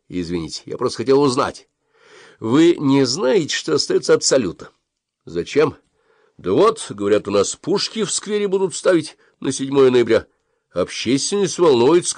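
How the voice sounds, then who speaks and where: Man doing a flustered apologetic dad, lively up and down, dry close audio. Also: mid-range voice, dry recording, pitched above the performer's own voice. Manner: pleading, flustered. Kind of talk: audiobook character voice.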